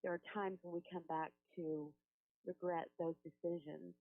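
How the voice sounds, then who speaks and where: Over a tinny telephone line with slight background noise, a woman who coaches on a helpline talks a caller through a counseling call and prays with her. Her fairly low voice moves little in pitch, and at a normal speed she sounds soothing and reassuring.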